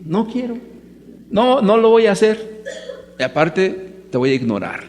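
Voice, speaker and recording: A man's voice: sits high, big pitch swings, measured pace, a little mellow, a little hiss or hum, pitched above the performer's own voice. A man acting out a stubborn little boy who whines and refuses to obey his father. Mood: defiant. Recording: echoey hall reverb.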